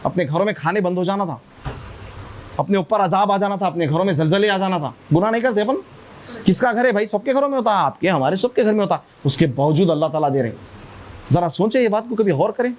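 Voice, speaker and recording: High-voiced man with a lilt. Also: fast, a little hiss or hum. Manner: animated, asks the children questions and acts out prayers in their voice. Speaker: speaker at a school. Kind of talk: religious talk to schoolchildren. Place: school classroom.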